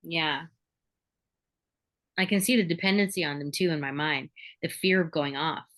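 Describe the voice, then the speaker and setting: Woman, bright tone, earnest chatty sharing on a support call. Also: sits low, moderate pace. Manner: earnest, chatty, filler-heavy. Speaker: peer support group member. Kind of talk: casual spiritual sharing on a video call.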